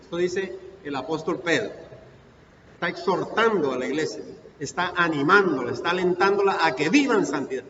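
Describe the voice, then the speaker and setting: High-voiced preaching pastor in an echoey hall. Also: male voice, lively intonation, a bit bright, a little hiss or hum. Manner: preaching with rising exclamations and rhetorical questions; reads scripture aloud slowly and emphatically. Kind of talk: sermon. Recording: echoey hall, distant mic, muffled sound.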